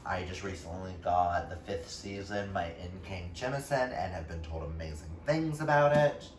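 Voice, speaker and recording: Low-pitched and at normal speed, this book YouTuber chats expressively to camera, informal and prone to emphatic exclamations. The sound is echoey and faintly noisy, picked up from a distant mic.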